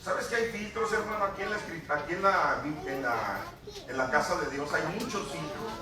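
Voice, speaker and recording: A man's voice: fairly high pitch, animated, normal speed, a crowd in the background. A man preaching an impassioned Pentecostal sermon, speaking straight to his congregation. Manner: impassioned, addresses congregation directly. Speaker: pastor. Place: church hall. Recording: echoey church recording from far off.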